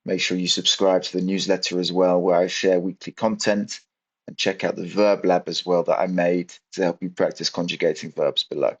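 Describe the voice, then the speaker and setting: A man's voice: deep voice, level tone, normal speed, slightly rough, highs cut off. A man teaching a casual video lesson on Spanish accent marks, leaning hard on stressed syllables and now and then catching his own slips. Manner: stresses syllables emphatically, self-correcting.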